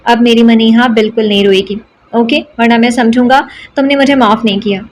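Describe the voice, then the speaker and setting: A woman's voice: a little high, steady tone, a little hiss or hum, lightly acted. A woman voicing a remorseful young husband who pleads earnestly and coaxes his wife in an audio novel. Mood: pleading. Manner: earnest and coaxing.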